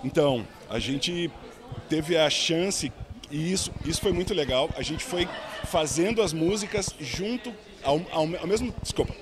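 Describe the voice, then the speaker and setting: A man, a film composer and editor, answering interview questions outdoors at a premiere in a friendly, halting way. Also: fairly high pitch, poor audio. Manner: friendly, halting with self-corrections.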